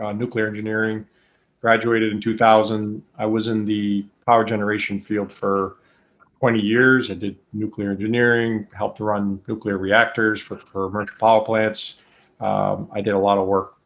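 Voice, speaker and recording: A man's voice: lowish voice, a bit bright. A man in his forties, born in Colombia and raised in New England, talking through his career in a thoughtful, methodical way. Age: 40s. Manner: thoughtful, methodical, with frequent restarts and fillers. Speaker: guest, engineer. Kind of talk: casual interview.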